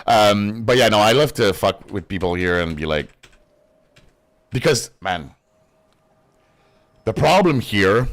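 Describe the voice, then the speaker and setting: Speaking slowly with long pauses, this young Québécois gaming streamer has a lowish, expressive voice and a Quebec French accent in his English, French being his first language. He rambles casually while playing a game, laughing frequently and cursing plenty.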